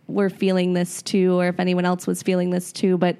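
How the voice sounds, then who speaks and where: Woman with a low, gravelly smooth voice. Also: monotone, brisk, mellow. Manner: giggly, self-correcting. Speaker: supporter-section guest. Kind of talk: casual sports chat.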